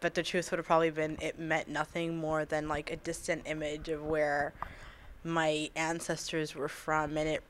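A woman's voice: low voice, little pitch movement, normal speed, a little hiss or hum. A young woman giving earnest, reflective interview answers on webcam in a small indoor room. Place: small indoor room against a plain wall.

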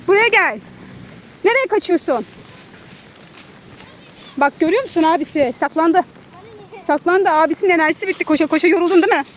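In this casual family vlog, a mom with a very high-pitched voice chases her kids with her phone camera at a park or picnic spot. She talks briskly but leaves long pauses, shouting after them, scolding, and laughing, while the outdoor recording stays noisy.

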